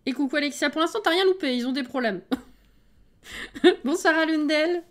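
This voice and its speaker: A woman's voice: high-pitched, normal speed. A woman streamer in casual chat with her viewers, laughing often and greeting people as they come in.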